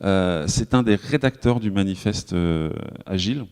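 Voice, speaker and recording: A man with a French accent speaking at a conference, chatty and full of fillers and quick self-corrections. His voice sits fairly low, and it rings out with the long reverb of a large hall. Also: animated, darkish tone, smooth. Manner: conversational, many fillers and self-corrections, addresses the audience directly. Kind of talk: live conference talk.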